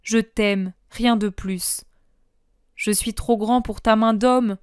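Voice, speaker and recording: A woman voicing Jesus as a calm, merciful man who speaks tenderly and slowly. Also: on the high side, clean tone, no room sound, clean studio sound. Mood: gentle. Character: gentle merciful male Jesus, calm and forgiving.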